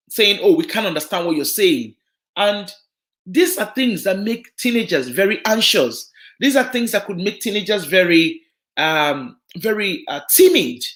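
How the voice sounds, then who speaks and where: A woman from Nigeria with a Yoruba accent and a fairly low, slightly bright voice appears as a guest speaker on a live broadcast about social work. Her talk is earnest and explanatory, full of fillers and restarts.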